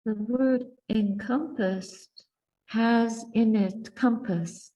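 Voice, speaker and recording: A woman giving a Buddhist talk and guided meditation in a soft, calm, deliberate voice, speaking in short contemplative phrases with long pauses. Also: on the high side, recorded from a distance, poor audio. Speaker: Buddhist nun teaching and guiding meditation.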